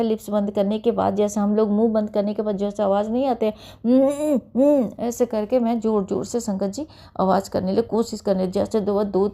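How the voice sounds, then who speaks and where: Earnest woman with a mellow voice. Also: medium pitch. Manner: earnest storytelling, often addresses listeners as sangat ji. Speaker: satsang sharer. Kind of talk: personal testimony.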